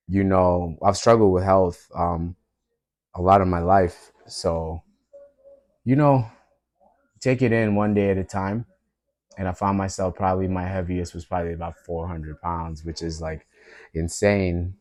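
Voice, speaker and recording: A man's voice: deep voice, darkish tone, dry recording, studio quality. A man sharing a personal story in a vlog, loose and reflective, with many fillers and an earnest, spiritual tone. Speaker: vlogger.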